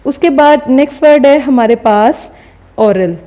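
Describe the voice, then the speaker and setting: A woman teacher explaining a recorded lesson step by step, often pausing to check understanding. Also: high voice, dark tone. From Pakistan. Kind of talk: recorded classroom lecture.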